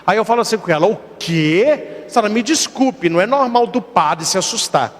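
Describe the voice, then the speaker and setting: A man's voice: high-pitched, expressive, fast, in a large hall. A man, a priest giving a sermon with rhetorical questions and emphatic repetition.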